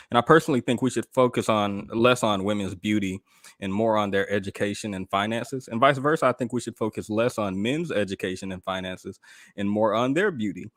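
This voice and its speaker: A man with a fairly low voice delivers tongue-in-cheek remarks with a deadpan face. He is on a video call, and the sound is dry and close. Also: no echo. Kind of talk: casual panel discussion.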